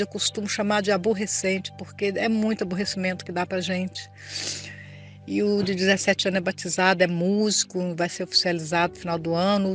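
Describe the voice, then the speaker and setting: An older woman giving an earnest, emotional church testimony and speaking to the listener as a brother. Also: on the low side. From Brazil. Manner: earnest, tearful storytelling, addresses listener as brother.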